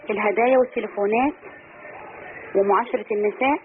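A woman's voice: mid-range voice, steady tone, fast. An Egyptian woman calling a religious programme, explaining a personal problem in colloquial speech. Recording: narrow hissy telephone line.

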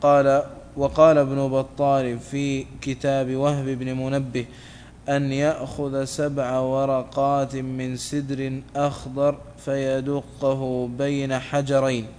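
A man reading a classical religious text aloud to his teacher in a measured, careful way. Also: mid-range voice, a little hiss or hum. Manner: flat, measured recitation.

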